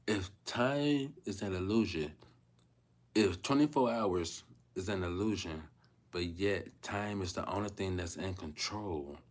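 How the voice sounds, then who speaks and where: A man in his thirties talking casually to viewers on a livestream, rambling and repeating himself, often asking if they feel him. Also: on the low side. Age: 30s. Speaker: vlogger.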